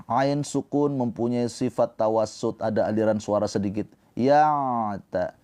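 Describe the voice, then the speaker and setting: In a livestreamed lesson on Quran recitation rules, a man with a fairly low, warm voice explains slowly, then chants verses in a long, melodic style.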